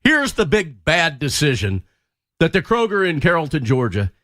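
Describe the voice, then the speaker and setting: A man's voice: a little high, sing-song, normal speed, fairly bright tone. A man co-hosting a radio show, complaining bluntly. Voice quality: blunt, ranting, politically incorrect cowboy. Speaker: radio co-host. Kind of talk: casual radio chat. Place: radio studio.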